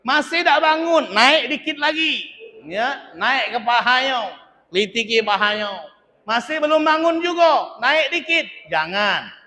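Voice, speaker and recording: A man preaching a lively, humorous sermon, acting out little scenes. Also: very high-pitched, a little slow. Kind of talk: mosque sermon. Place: mosque hall. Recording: long reverb in a mosque hall.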